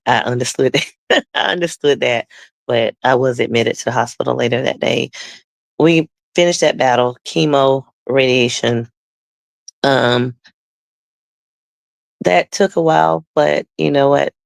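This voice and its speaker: Woman, personal testimony, chatty storytelling, voices the people she quotes, husky fry, dead dry sound. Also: extremely low pitch, no echo. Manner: conversational, acts out quoted dialogue. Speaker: guest sharing a testimony.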